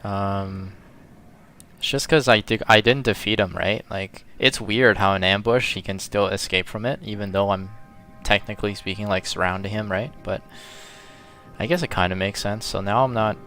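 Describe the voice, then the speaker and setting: Bright-voiced man recapping a strategy battle. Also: on the low side, normal speed, soft background music. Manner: hesitant, thinks aloud with fillers and restarts. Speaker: strategy game player. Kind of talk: casual let's-play commentary.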